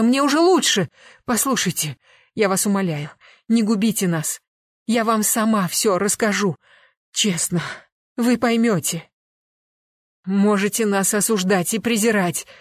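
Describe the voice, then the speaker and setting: A reader voicing a desperate mother, tearful and imploring, pushing her voice high and loud in short cries. it sounds close and dry, with no room around it. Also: fairly even intonation, moderate pace, no echo, natural voice. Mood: pleading tearful. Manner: crying, imploring outbursts. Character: distraught weeping mother, pleading, defending husband. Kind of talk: audiobook dialogue.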